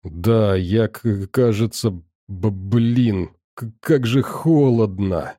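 A man's voice: mid-range voice, animated, unhurried, dark tone, dry recording, clean studio sound. Bold shivering girl, read by a man. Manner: stammering through chattering teeth. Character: playful bold young girl, shivering with cold.

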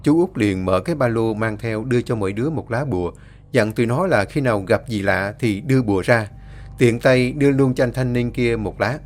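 A man's voice: medium pitch, a little fast, darkish tone. A man narrating a ghost story and voicing each of the characters himself.

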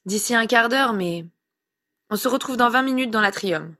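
A woman reading aloud the calm, friendly lines of a kind young man. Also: on the high side, moderate pace, voice pushed up. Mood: reassuring.

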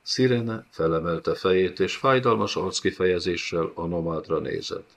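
Deep-voiced man reading a story. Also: creaky. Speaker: audiobook narrator. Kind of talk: scripted narration.

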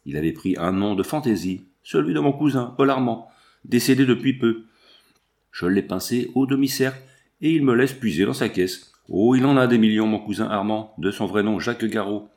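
A man's voice: lowish voice, normal speed, darkish tone, natural voice. A man voicing a scheming male villain who taunts and gloats in a read-aloud novel. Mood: gloating.

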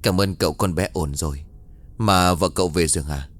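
A man's voice: low-pitched, normal speed, pitched below the performer's own voice. A man voicing a worried middle-aged father who soothes and questions his daughter in a ghost story. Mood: polite. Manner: soothing, then scolding.

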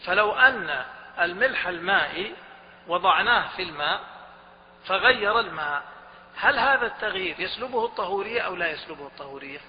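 A man's voice: high voice, expressive, a little fast, long pauses. A man giving a lecture on Islamic jurisprudence, who quizzes the students often and repeats his points. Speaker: religious studies teacher. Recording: dull recording with a long hall reverb and faint hum.

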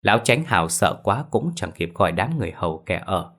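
A male storyteller narrates a ghost story with dramatic expression. His voice is low and husky, and his pitch moves in wide, lively swings. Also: fairly quick.

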